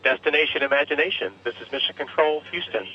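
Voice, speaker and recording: A man working as mission control radio operator, making crisp procedural calls over a space-to-ground radio link. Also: a little high, quick pace. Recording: muffled radio loop.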